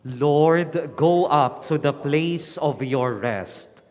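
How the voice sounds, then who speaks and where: A man's voice: fairly high pitch, drawn-out words. A man giving liturgical responses at Mass in a reverberant church.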